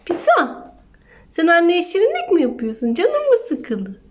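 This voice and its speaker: A woman's voice: very high-pitched, wildly swooping pitch, unhurried, a little hiss or hum. A woman at home talking to her cat in coaxing baby talk, cooing and sing-song.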